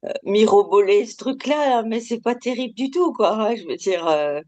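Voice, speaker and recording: This is a middle-aged woman giving an anonymous testimony, her voice pitched down to disguise who she is. She answers slowly and hesitantly, trailing off her sentences with little fillers. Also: lively intonation, darkish tone, dull audio.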